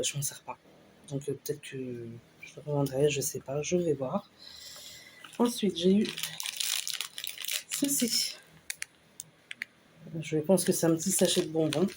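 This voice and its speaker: A woman casually talking through a shopping haul, unhurried and hesitant with lots of fillers. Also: deep voice, mellow, a little hiss or hum. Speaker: vlogger showing a store haul. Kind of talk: casual haul video chat.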